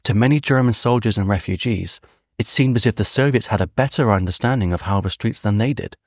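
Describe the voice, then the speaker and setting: Male history narrator, low and measured, dry studio read. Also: darkish tone, no echo. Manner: measured, reads quoted memoirs with rising intensity. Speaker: documentary narrator.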